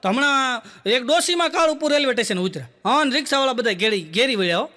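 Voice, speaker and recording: A man telling stand-up jokes as a chatty storyteller, acting out quick bits of dialogue. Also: very high-pitched, animated, bright, forceful tone. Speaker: stand-up comedian. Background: audience laughter.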